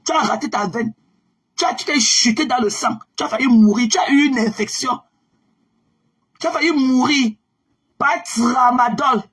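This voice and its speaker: A woman's voice: fairly high pitch, moderate pace, a bit bright, breathy edge. A woman hosting a live stream, confronting and mocking a rival in a repetitive, combative way.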